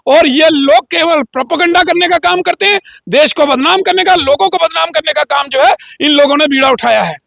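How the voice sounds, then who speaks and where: High-pitched gravelly man, combative. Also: brisk, few pauses, no room sound, clean studio sound. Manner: forceful, combative, repeats filler phrases. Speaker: interview guest, local group leader. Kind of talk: heated political statement.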